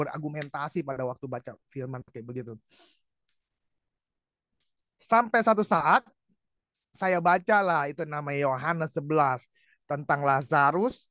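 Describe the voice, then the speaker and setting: Male preacher, high-pitched, animated testimony in slangy voice, dry close mic. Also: no room sound. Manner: animated storytelling, acting out past dialogue in slangy Jakarta speech. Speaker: evangelist preacher. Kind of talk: personal testimony in a sermon.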